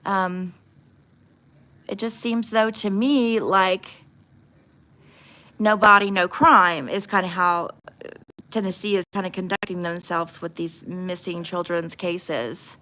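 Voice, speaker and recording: This livestream host does nail art while chatting about true crime, her voice on the low side, pushed and bright. Her delivery is flat and slow with frequent pauses, and she voices her opinions bluntly and informally.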